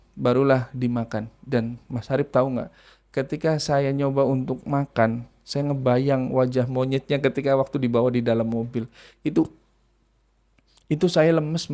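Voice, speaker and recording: A man telling a true supernatural story in casual chat, animated and shifting between hushed and loud delivery. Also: medium pitch. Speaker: storyteller recounting an exorcism. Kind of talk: conversational storytelling.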